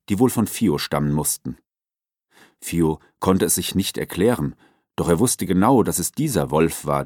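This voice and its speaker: A man narrating a chapter of a storybook with an expressive, lively delivery. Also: sits low, dry recording. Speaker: audiobook narrator. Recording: dry close recording.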